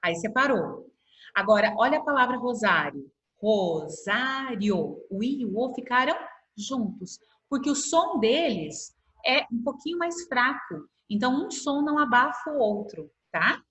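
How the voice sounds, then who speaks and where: A patient Brazilian woman teaching young children over a video call, her voice fairly high and lively as it rises and falls through each explanation. She draws out words slowly to show their sounds, and the laptop mic picks up a lot of room echo. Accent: Brazilian Portuguese. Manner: patient, stretches words slowly to spell them out. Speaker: primary school teacher. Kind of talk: online class explanation. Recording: echoey video-call audio.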